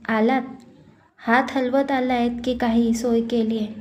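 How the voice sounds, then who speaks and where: A woman's voice: a little high, flat delivery, measured pace, darkish tone, a little hiss or hum, lightly acted. A woman voicing a sarcastic, irritated middle-aged aunt. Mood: sneering.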